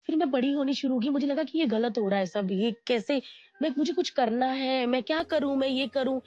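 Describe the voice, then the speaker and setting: A woman guest telling a candid, emotional personal story in a lively way, often acting out what others said to her. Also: sits high, fairly quick, no room sound, highs cut off. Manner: candid, animated, acts out quoted voices.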